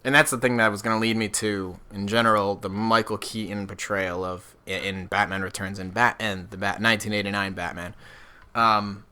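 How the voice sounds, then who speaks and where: A man's voice: on the low side, steady tone, moderate pace, bright, forceful tone, clear, resonant tone. A man co-hosting a podcast in a casual, opinionated chat, often restarting his sentences. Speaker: podcast co-host.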